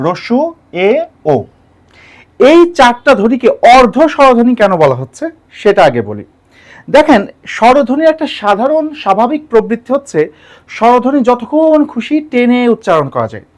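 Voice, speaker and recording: A man teaching a Bengali grammar lesson for exam preparation, explaining step by step, repeating key points and putting questions to the viewer. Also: extremely high pitch. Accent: Bangladeshi Bengali.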